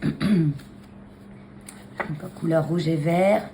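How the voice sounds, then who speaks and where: Chatty woman with lower voice, faint noise. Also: drawn-out words, warm tone. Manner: chatty, hesitant, many fillers and restarts. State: clearing a frog in her throat. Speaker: craft vlogger showing cards. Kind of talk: casual chat to camera. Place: at her desk indoors. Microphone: phone camera on a taped stand.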